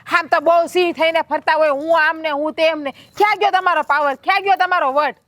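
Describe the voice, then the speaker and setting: A woman playing a sharp-tongued village wife who taunts her husband in a family drama. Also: extremely high pitch, fairly even intonation, fairly quick, no room sound. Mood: taunting.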